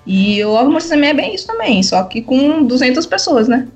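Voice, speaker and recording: Chatty woman podcaster, slightly high voice. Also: sing-song, a little fast. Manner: chatty, enthusiastic, warm about music. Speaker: podcast co-host. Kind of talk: casual chat.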